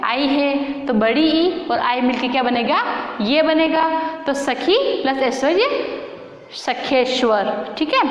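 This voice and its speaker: A woman teacher giving a grammar lesson, asking her class questions and answering them herself. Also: sits high. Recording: very echoey room, dull lo-fi sound.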